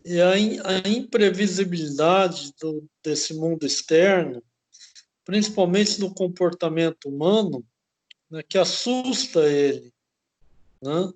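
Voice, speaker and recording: A man hosting an interview, explaining at length in a halting way and often tagging his phrases with a questioning "né?". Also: high-pitched. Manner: slow, halting, ends phrases with "né?". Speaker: host.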